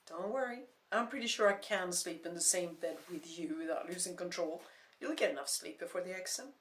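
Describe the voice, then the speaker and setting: A woman voicing an outspoken young woman student with quick, indignant retorts. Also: lowish voice, expressive, fairly bright tone. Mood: teasing. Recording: roomy echo.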